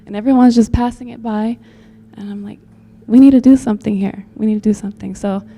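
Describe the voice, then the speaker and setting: A woman from Texas speaks up at a community meeting, heartfelt and rambling, leaning on fillers as she goes. Her voice sits a little high but sounds dark and mellow, with a gravelly fry running through it. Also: steady tone, fairly quick. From Texas, USA. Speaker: community member commenting at a public meeting. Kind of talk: earnest public comment.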